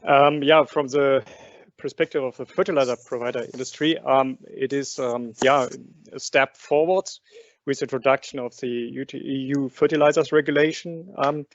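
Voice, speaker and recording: A man's voice: medium pitch, fairly even intonation, moderate pace, no echo. A man answering as an industry panelist on a group video call, hesitant and full of "um, yeah" fillers. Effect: group video call audio. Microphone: computer mic on a video call. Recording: dry, dull call audio.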